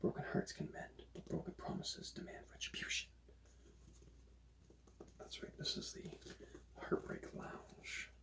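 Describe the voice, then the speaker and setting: A man doing a whispered role-play as a librarian recommending books, in a hushed, breathy library whisper. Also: a little slow, pauses often.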